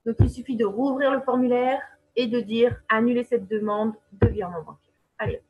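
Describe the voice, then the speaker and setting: Husky woman walking through a website. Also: a little high, fairly even intonation, moderate pace, dull audio, soft background music. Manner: chatty, explains step by step with many fillers and check-ins. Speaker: webinar presenter. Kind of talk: screen-share software walkthrough.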